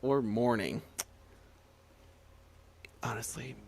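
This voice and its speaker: A man's voice: mid-range voice, drawn-out words, vocal fry, a little hiss or hum. A man streaming a story game, reading it aloud with giggly, chatty asides.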